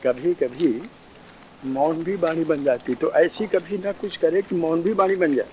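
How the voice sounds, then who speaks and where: High-voiced man teaching, lo-fi. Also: mellow. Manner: chuckling often, drawn-out teaching cadence, repeats phrases. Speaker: spiritual teacher. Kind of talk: spiritual discourse. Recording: dull lo-fi recording, faint noise.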